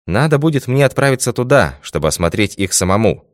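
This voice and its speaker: A man reading a calm methodical detective, low and dry. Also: brisk, no echo. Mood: assured.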